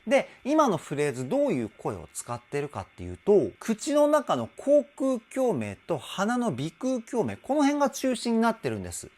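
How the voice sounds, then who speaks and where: A man's voice: high-pitched, huge pitch swings, moderate pace, hardly any pauses, a little mellow. A male vocal trainer giving an enthusiastic, explanatory song analysis and now and then singing short phrases to demonstrate.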